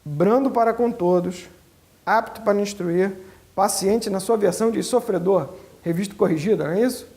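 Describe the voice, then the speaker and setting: Pastor com voz rouca e arranhada. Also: male voice, sits high, moderate pace, gravelly. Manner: asks the audience many rhetorical questions; animated, colloquial preaching. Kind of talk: teaching sermon to church leaders.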